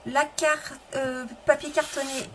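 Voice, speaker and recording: A chatty middle-aged woman hosts a live craft tutorial from her home table, her voice sitting a little high. She talks loosely, restarting sentences and answering viewers as she goes. The stream audio carries clear background noise. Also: flat delivery, unhurried. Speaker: papercraft demonstrator.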